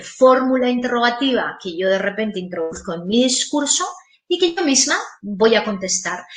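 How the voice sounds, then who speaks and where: A woman giving a webinar lecture on voice use for teachers, in a lively, demonstrative way. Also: mid-range voice. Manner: lively, demonstrative, varies intonation. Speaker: voice and communication trainer. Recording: roomy echo.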